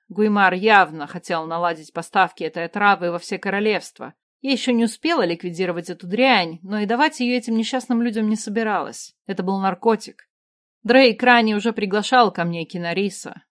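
A woman narrates a fantasy audiobook in the first person at a middling pitch, in an even, measured way. The sound is close and dry, recorded on a close mic with no room around it. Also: dry recording.

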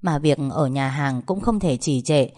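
A woman narrating a first-person story in a steady, measured way. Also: deep voice.

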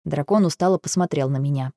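A woman reading a first-person audiobook, lively and exasperated in her delivery. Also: low-pitched, quick pace, creaky, dry recording, clean studio sound. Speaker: audiobook narrator.

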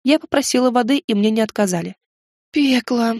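A woman's voice: medium pitch, brisk, darkish tone, no echo, clean studio sound. Woman reading a wry fantasy audiobook. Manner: wry, ironic storytelling. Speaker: audiobook narrator.

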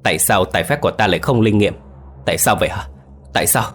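Man doing an old sorcerer, boastful then pleading, low voice, quiet music under it. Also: brisk, lightly acted. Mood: desperate. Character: boastful old male sorcerer, later begging.

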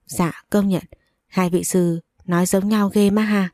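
A woman's voice: mid-range voice, fairly even intonation, unhurried, darkish tone, no echo, studio quality, close to an everyday voice. A woman voicing an anxious, scheming elder daughter-in-law who talks in a fretful, wheedling way in a storybook reading.

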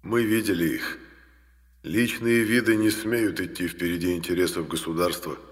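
A man voicing the ghost of a murdered emperor, a slow, rumbling disembodied voice that seems to come from everywhere. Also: steady tone, long reverb tail, close to an everyday voice. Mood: sorrowful.

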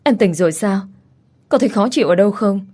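A woman's voice: mid-range voice, fast, close to an everyday voice. Woman reading a doting young husband. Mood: caring. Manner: soft, caring, reassuring.

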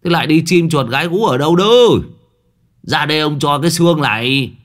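A man playing a coarse, hot-tempered old rich landlord who shouts and curses. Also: fairly low pitch, sing-song, normal speed. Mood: scolding. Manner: shouting, cursing, wailing.

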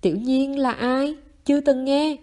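A woman's voice: high voice, fairly even intonation, a little slow, mellow, voice pushed up. A woman voicing a stubborn, forgetful old grandmother who scolds crankily in a story reading. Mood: cranky scolding.

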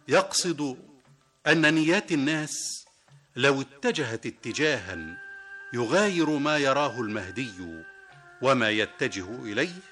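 A man's voice: mid-range voice, pushed and bright. A man presenting a scripted radio literary program in formal classical Arabic, telling anecdotes and quoting verse.

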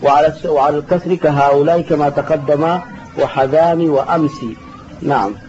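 A man with a slightly high, steady, somewhat mellow voice teaches Arabic grammar as a sheikh, moving fairly quickly through a text in class. He patiently repeats key terms and answers students' questions; the audio is dull and lo-fi with a faint hiss.

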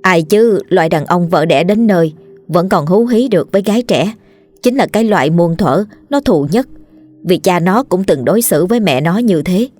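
A woman narrating a scripted horror story in a steady, measured reading. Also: fairly low pitch, soft background music.

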